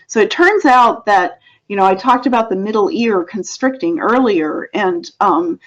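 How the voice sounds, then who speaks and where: A woman psychologist explaining parenting techniques in a relaxed, conversational way, with frequent fillers and asides. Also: medium pitch, normal speed, dull audio. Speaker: child psychologist. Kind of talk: parenting advice talk.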